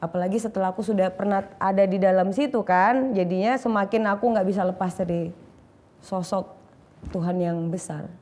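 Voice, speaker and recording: A woman's voice: medium pitch, normal speed. A young woman, telling a personal testimony in an interview, acting out quotes as she goes. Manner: animated storytelling, acting out quotes with shifting voice. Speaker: guest sharing her testimony. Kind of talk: emotional conversational testimony.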